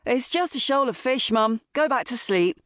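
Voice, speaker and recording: A woman narrator voicing an easygoing young man who gently teases his mother and coaxes his baby sister. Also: a little high, animated, normal speed, dry recording, studio quality, voice pushed up. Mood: teasing. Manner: good-natured, gently teasing. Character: young adult man, easygoing, teasing big brother.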